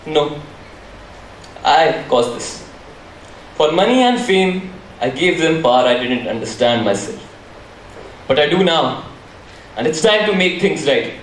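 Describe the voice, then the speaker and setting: A man's voice: very high-pitched, lively intonation, measured pace. A man playing a young hacker in a school stage play, dramatic and self-questioning. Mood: anguished. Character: young male hacker, boastful then guilt-ridden. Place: large school hall. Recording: echoey hall from far off, faint noise.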